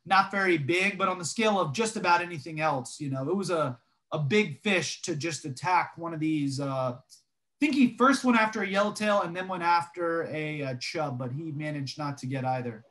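Young male co-host, slightly high voice, easygoing storyteller with plenty of ums, heard over a video call. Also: normal speed. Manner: relaxed storytelling with frequent fillers. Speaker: podcast co-host. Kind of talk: casual chat.

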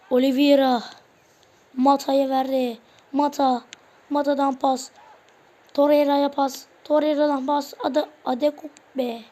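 A woman with a high voice narrates her own football video game match. She speaks slowly and loosely, shouting player names in short bursts. She grumbles at missed chances. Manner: calls out player names in quick bursts, exclaims at plays. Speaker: gaming channel host. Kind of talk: casual live gameplay commentary.

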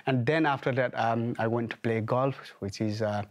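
A man's voice: mid-range voice, fairly even intonation, normal speed. Nepali-accented man, hesitant studio guest. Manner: hesitant, many fillers and restarts. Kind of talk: news studio interview. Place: TV news studio. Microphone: lapel mic.

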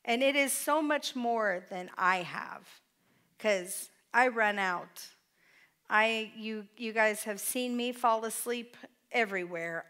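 A middle-aged woman preaches a heartfelt sermon at an unhurried pace. Her voice sits a little high. She speaks from a small stage in a church hall, caught by a microphone some way off. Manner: heartfelt, tearful at times, with soft laughs. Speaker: pastor.

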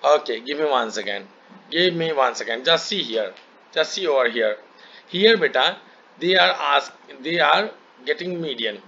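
A man's voice: fairly high pitch, animated, moderate pace, bright, forceful tone, husky. A man with an Indian accent and Hindi as his first language, tutoring maths one-to-one step by step, repeating himself and often checking understanding. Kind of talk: one-to-one lesson, explaining step by step. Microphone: online call microphone. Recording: muffled, noisy online call recording.

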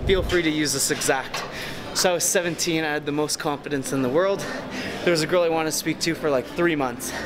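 In a large, busy indoor gym with loud music and crowd noise, a man in his twenties hosts a casual vlog to camera. His voice is a little high and brisk, and he comes across jokey and boastful.

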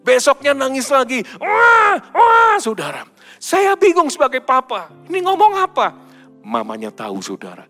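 A middle-aged male pastor preaching a sermon in an animated, storytelling way. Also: extremely high pitch, moderate pace. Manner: animated preaching with sudden loud mimicked baby cries. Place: large church hall. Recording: hall reverb with faint music.

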